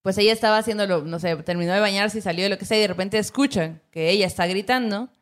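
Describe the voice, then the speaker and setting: A woman with a Mexican accent recounts a spooky tale in loose, slang-filled podcast chat. Her voice sits at an ordinary middle pitch, and she keeps the story moving with lively, animated telling. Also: quick pace. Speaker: podcast host. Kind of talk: casual storytelling.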